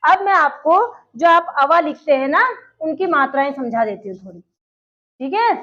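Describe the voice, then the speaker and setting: High-pitched lady teacher going through grammar step by step, asks then answers, kinda muffled lo-fi sound. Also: expressive, moderate pace. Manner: explains step by step, asks questions and answers them. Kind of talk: classroom grammar lesson. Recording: dull lo-fi recording.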